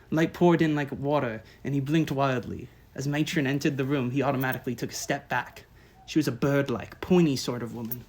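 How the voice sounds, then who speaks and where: Guy reading an audiobook out, steady and measured, middle pitched voice. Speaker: audiobook narrator. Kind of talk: scripted narration.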